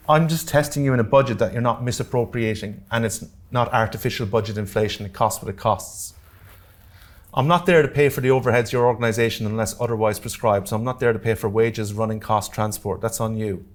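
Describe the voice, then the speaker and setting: A man's voice: on the low side, fairly even intonation, brisk. A man with an Irish accent presenting a grants workshop to a live audience, direct and practical, with joking asides and check-ins to make sure the room is following. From Ireland. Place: community centre meeting room.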